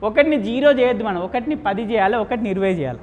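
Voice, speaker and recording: A man's voice: sits high, expressive, fast, dull audio, slight background noise. A man leading a real estate sales training seminar, quizzing the audience and acting out little dialogues as he teaches. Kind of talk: live training seminar lecture. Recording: long hall reverb.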